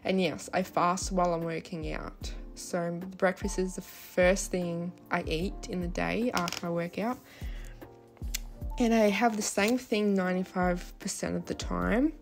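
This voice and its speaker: A woman's voice: on the low side, darkish tone. A young woman with a lisp and slushy s sounds, narrating her daily routine in a chatty, informal vlog voice-over. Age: young adult. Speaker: vlogger. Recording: background music. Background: music.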